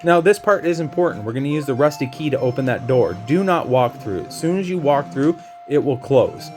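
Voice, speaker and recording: A man's voice: medium pitch, lively intonation, fairly quick, darkish tone, faint music behind. A man casually talking through a video game walkthrough in a chatty way, with restarts and slang. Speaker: gameplay walkthrough narrator.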